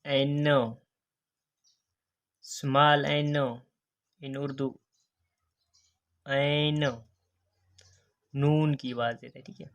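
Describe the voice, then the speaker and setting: Man slowly drilling the alphabet. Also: a little high, flat delivery, fairly bright tone, highs cut off. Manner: slow deliberate letter-by-letter drilling, repeating "next" and "okay". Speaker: English teacher. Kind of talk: alphabet lesson narration.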